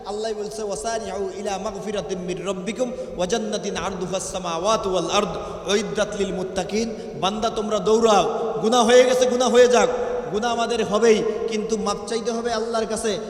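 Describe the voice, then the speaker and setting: Male waz preacher, high voice, call-and-response, long PA reverb. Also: a little mellow. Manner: call-and-response with crowd, sung Quran verses. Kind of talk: Bengali waz sermon. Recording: echoey open-air venue PA.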